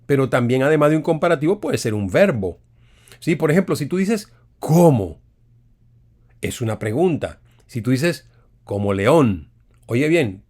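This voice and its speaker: A man's voice: medium pitch, a little mellow. Man teaching an online Bible course. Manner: explanatory, repeats for emphasis, many restarts.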